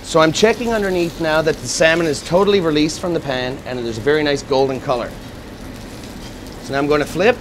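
A man's voice: on the high side, fairly quick, noisy background. A man, an executive chef explaining a dish step by step in a restaurant kitchen, on a lapel mic. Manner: steady instructive step-by-step explaining. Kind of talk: cooking demonstration. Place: restaurant kitchen at a gas range.

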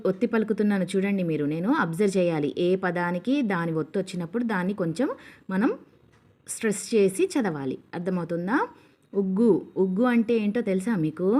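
Patient woman spelling syllables slowly. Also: lowish voice, dark tone. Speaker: teacher. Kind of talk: reading lesson for children.

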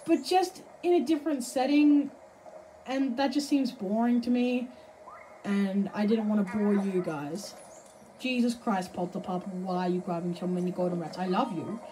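A woman giving casual let's-play commentary, excitable, swearing and shouting at the game, cooing baby talk to an in-game pet. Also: fairly high pitch, slight background noise, poor audio. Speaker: gameplay streamer.

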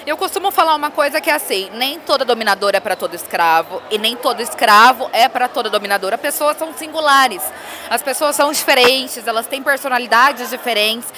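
Amid a noisy background at a busy indoor expo hall, a professional dominatrix in her thirties answers questions for a casual on-location interview. Her voice is a little high with lively intonation and a brisk pace, and she speaks boldly and teasingly, with confidence, into the interviewer's handheld mic.

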